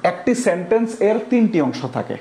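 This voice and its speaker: A man with a Bangladeshi accent teaches a grammar class. His voice sits high, and it bounces around an echoey classroom. He keeps repeating himself and asks the students question after question. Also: very animated, brisk, mellow, slight background noise. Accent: Bangladeshi Bengali. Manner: repetitive, quizzing students with rhetorical questions; spells words out letter by letter. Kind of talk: classroom lecture.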